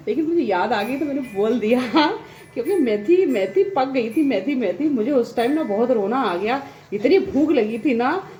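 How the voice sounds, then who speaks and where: This time her pitch sits fairly high, still mellow, with the highs cut off and slight background noise. She's a thirtysomething mother and vlogger chatting loosely over housework in her bathroom, laughing and rambling as the room echoes faintly around her.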